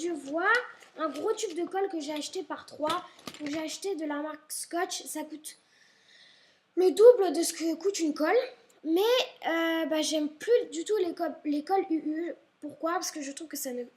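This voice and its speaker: A woman's voice: sits high, a little mellow, slight background noise. A young woman vlogging at home and chatting about her school supplies, rambling and often apologizing, a little ill and maybe stuffy-nosed. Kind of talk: casual chat showing school supplies. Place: at home, indoors.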